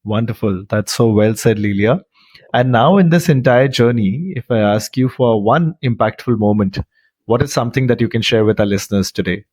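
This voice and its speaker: A man hosting a podcast interview in a formal, effusive way, warmly praising his guest. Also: medium pitch, moderate pace, slightly rough, no room sound, studio quality. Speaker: podcast host.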